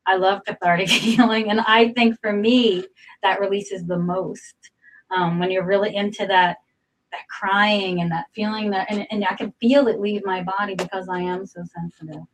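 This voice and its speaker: A woman in casual panel chat, her voice at an ordinary middle pitch. She speaks with enthusiasm and backs the others up with frequent mm-hmms. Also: steady tone, moderate pace, low-quality recording. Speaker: psychic medium co-host.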